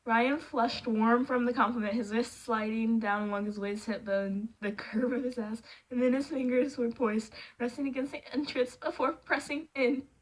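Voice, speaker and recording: A woman's voice: a little high, fairly even intonation, moderate pace, few pauses. A woman reading fan fiction aloud, getting flustered, laughing and breaking off to react. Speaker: channel host.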